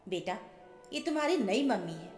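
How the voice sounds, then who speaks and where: A woman voicing an older aunt who gently coaxes a child, speaking softly in a lower voice. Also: sing-song, normal speed, roomy sound, in a large hall, faint music behind, lightly acted. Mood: coaxing.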